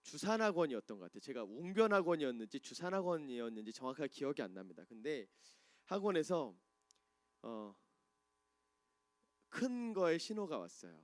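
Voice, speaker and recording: A man preaching a sermon as a pastor, telling a story from his childhood, swinging from hushed moments to loud climaxes. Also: fairly high pitch, sing-song, fairly quick, pauses often, no room sound. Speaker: pastor and worship leader.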